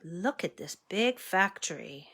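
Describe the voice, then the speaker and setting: Bright, animated woman reading to a toddler. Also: fairly low pitch. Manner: expressive, sing-song, pausing to ask the child simple questions. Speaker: children's book reader. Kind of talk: reading a picture book aloud to a toddler.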